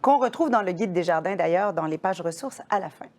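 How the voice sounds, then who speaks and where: A woman's voice: fairly low pitch, animated, a little fast. A woman from Canada, an employment counselor presenting in a friendly, conversational webinar.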